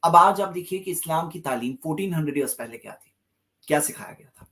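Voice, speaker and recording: A man delivers a religious lecture with a lively, swinging pitch that rises and falls through every sentence. He stresses his points by repeating key phrases. He slips English terms into his speech. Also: fast talker. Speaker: Islamic lecturer.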